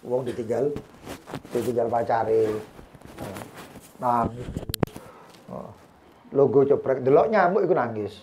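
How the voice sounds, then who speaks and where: A man's voice: medium pitch, takes it slowly, long pauses, background noise. A man with a Javanese accent teaching an Islamic study session, weaving Arabic quotations and humorous asides into his sermon. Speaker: religious teacher.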